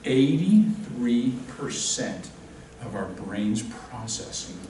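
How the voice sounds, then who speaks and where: A man's voice: mid-range voice, lively intonation, takes it slowly, dark tone, slight background noise. A man teaching a real estate class, joking and quizzing the students as he lectures. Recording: very echoey room, distant mic.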